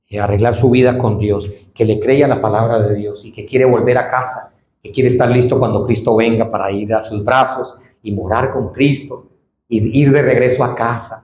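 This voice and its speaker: A man preaching an evangelistic sermon as pastor, swinging between soaring emphasis and hushed asides. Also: mid-range voice. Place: church sanctuary. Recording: roomy church echo.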